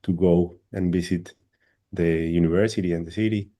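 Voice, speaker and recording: Hesitant and prone to repeating himself, a man from Colombia presents to an academic panel in English over a video call. He talks fairly quickly in a low, dark voice with a steady tone.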